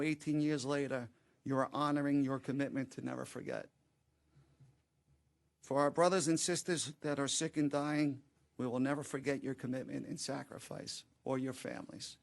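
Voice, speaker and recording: Solemn gravelly-voiced responder. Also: male voice, mid-range voice, steady tone, normal speed. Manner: solemn, grateful. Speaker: first responder. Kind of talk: prepared press conference speech.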